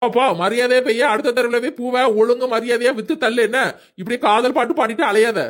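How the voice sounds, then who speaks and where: A short-tempered mother in a cartoon, voiced by a woman, scolding sharply. She talks fast in a fairly high voice. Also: steady tone, close to an everyday voice. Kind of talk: cartoon voice acting.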